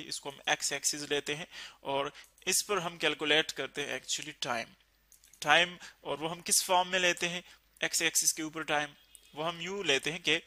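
A man teaching a physics lesson, explaining slowly and repeating key terms. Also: fairly high pitch, pushed and bright.

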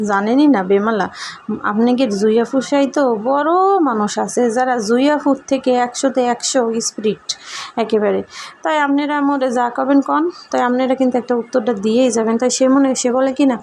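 A woman with a Barishal Bengali accent talks straight to her viewers in a loose, rambling vlog style, her voice sitting a little high. She teases along as she goes, poking fun at the cameraman. The sound comes from a camera her husband holds. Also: vocal fry, a little mellow. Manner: rambling and teasing, jokes at the cameraman. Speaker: vlogger. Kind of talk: casual chatty vlog talk to viewers. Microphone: camera held by her husband.

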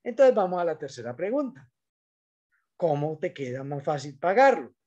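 A man's voice: fairly high pitch, big pitch swings, normal speed, a little mellow, dull audio. Emphatic man coaching salespeople. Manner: emphatic, coaching, addresses the audience directly. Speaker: sales trainer. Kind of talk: business training talk.

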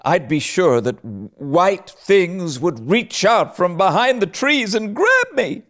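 A man's voice: sits high, very animated, slow, a bit bright, voice pushed up, full character voice. A man voicing an eager, imaginative young girl in a storybook, breathless, pleading and melodramatic. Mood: dramatic, fearful. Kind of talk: storybook character reading.

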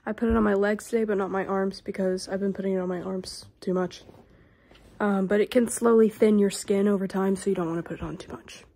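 A woman's voice: mid-range voice, steady tone, brisk, mellow. A young adult woman chatting casually and bluntly to her phone camera at home. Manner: blunt, sweary, self-deprecating. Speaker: vlogger. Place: small bathroom at home. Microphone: phone camera close to the face. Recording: slightly noisy home phone recording.

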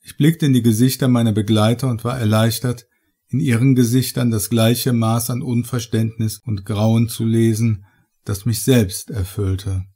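A man reading first-person horror audiobook narration in a measured, dramatic way. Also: medium pitch, steady tone, dark tone, slightly rough.

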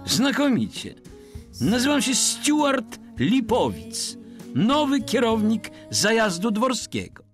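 A man doing a fawning high-voiced motel manager. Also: wildly swooping pitch, slow, full character voice. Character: eager, overly polite male motel manager. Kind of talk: audiobook character reading. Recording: excerpt played over loud music.

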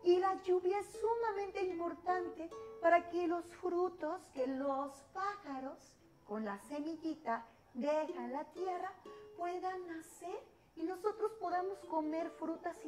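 A woman's voice: very high-pitched, measured pace, a little mellow. A woman with a Mexican accent voicing a patient mother who soothes her scared son. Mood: soothing. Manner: soothing and reassuring. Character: gentle, patient young mother. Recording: echoey room with ukulele music.

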